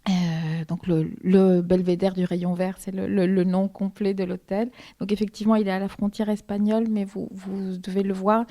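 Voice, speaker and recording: A woman's voice: mid-range voice, little pitch movement, normal speed, hardly any pauses, warm tone. Hesitant woman author, from Argentina. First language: Spanish. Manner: hesitant, many repeated words and restarts. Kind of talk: bookshop talk, answering questions.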